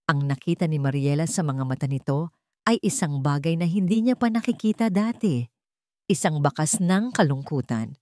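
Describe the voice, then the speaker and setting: Reading a scripted story as a dramatic narrator, this Filipino-accented woman speaks at a normal pace with a low, darkish voice. The sound is dry and clean, as from a studio.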